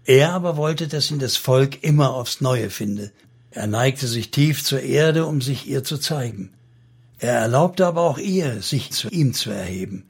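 A man narrating a solemn story in steady, scripted audiobook style. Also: medium pitch, measured pace, breathy edge.

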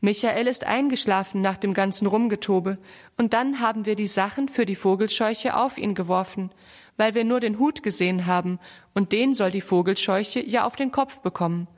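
A woman's voice: mid-range voice, normal speed, lightly acted. A woman reads as a girl telling how things happened, step by step, in a plain storybook voice close to her own. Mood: explaining. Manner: explanatory. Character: girl explaining eagerly.

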